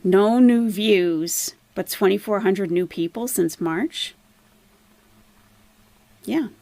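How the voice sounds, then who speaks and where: This YouTube commentator speaks in a warm, medium-pitched voice at a slow pace, with no echo. During her casual livestream, she lays things out emphatically for viewers and keeps posing rhetorical questions.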